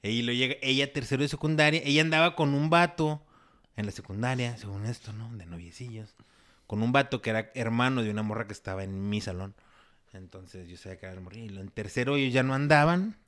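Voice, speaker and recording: Casting note: young Mexican man, co-host, slangy laid-back storyteller, mid-pitched. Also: fairly bright tone. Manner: slangy storyteller with halting restarts. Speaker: podcast co-host. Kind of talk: casual chat.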